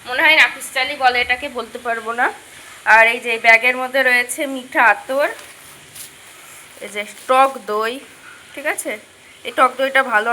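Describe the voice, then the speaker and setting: A young woman talks straight to her viewers as she cooks at home, her voice high and very bright. She keeps the chat easy and sometimes lowers it to a hush. A faint room hum sits behind her phone recording. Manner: chatty, talks straight to viewers, softly at times. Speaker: vlogger. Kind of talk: casual cooking vlog chat. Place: home balcony and kitchen.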